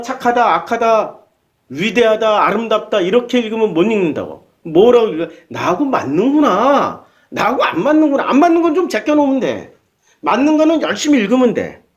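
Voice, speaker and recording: Male pastor, high voice, folksy sermon style, keeps throwing questions at the pews. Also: a little mellow. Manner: colloquial, peppers congregation with rhetorical questions.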